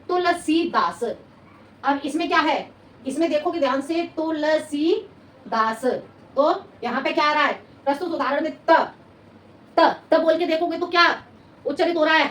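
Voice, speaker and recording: High-voiced woman teaching in an echoey room. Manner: repeats words slowly while writing, asks rhetorical questions. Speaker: Hindi coaching teacher. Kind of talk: classroom lesson, dictating notes. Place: coaching classroom. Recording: echoey room, mic at a distance, faint noise.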